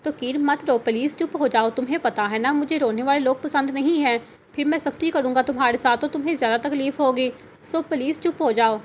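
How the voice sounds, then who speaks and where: A woman's voice: high voice, brisk, a little hiss or hum, close to an everyday voice. A woman voicing a stern, domineering young husband in an audio novel, speaking in a commanding way. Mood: soothing. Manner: commanding, scolding.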